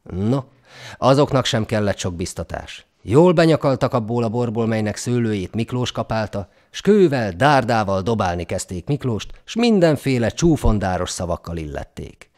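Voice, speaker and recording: A man reading a folk tale aloud in a dramatic, expressive storybook narration. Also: medium pitch.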